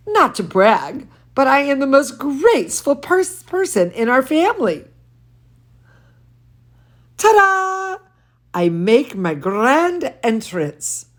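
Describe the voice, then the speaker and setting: A woman reading aloud as an excitable, boastful little storybook girl who dramatically explains her fancy words. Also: high-pitched, slow, voice pushed up, full character voice. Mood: boastful, theatrical.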